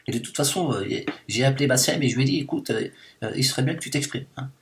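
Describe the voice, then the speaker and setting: A man's voice: medium pitch, fast talker, natural voice. A man voicing a self-declared liberated woman in a satirical monologue, ranting with endless fillers in mock indignation. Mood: indignant. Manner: rambling rant full of fillers, mock-indignant.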